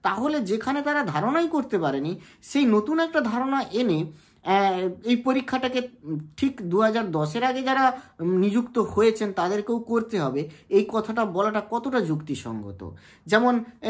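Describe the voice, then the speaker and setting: Woman host reasoning through rhetorical questions. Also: mid-range voice. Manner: measured, reasoning aloud with frequent hesitation sounds and rhetorical questions. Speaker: education channel host. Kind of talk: explanatory commentary to camera.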